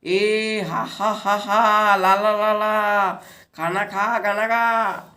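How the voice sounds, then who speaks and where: A woman teacher reading the part of a mighty, carefree young man who chants loudly and mocks his foe. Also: mid-range voice, little pitch movement, drawn-out words. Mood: boisterous. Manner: loud chanting and laughing.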